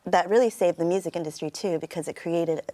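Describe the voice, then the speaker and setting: A woman's voice: fairly low pitch, quick pace, mellow. A middle-aged woman with a standard American accent, answering interview questions in a reflective, explanatory way. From United States. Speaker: interview guest, turntablist and sound artist.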